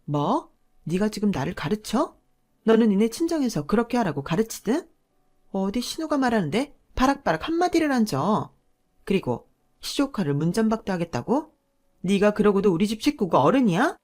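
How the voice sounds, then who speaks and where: A woman voicing a pushy, greedy middle-aged sister-in-law who scolds and demands in a loud voice. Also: mid-range voice, big pitch swings, moderate pace. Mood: angry.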